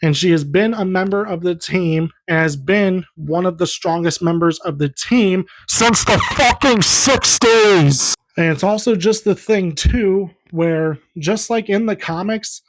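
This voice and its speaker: A man's voice: high voice, a little slow, few pauses. A young man giving a heated, profane, rambling movie review in a casual vlog. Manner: heated, profane, repetitive ranting.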